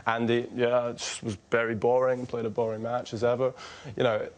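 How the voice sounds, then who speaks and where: A man's voice: mid-range voice, flat delivery, muffled recording. Casting: a young male impressionist, chatty and hesitant, with a mid-range voice. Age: young adult. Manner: quick, hesitant, slips into mimicry. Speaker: impressionist guest. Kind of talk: casual interview chat.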